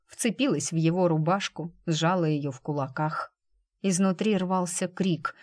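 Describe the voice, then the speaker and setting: A woman narrating a novel as an audiobook in a measured, dramatic reading. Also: on the low side, no echo. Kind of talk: scripted narration.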